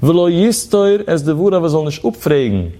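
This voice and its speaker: A man's voice: on the high side, very animated, a little fast, mellow. A man teaching a religious legal text in a lecture, quoting short Hebrew phrases and then explaining each one in his own words.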